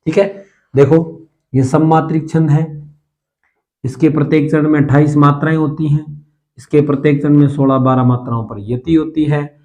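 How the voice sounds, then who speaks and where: A man teaching a lesson on Hindi poetic meter. He explains step by step, counts syllables aloud and often checks in with a quick "okay", clearing his throat now and then. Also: on the high side, fairly even intonation, mellow, rough recording.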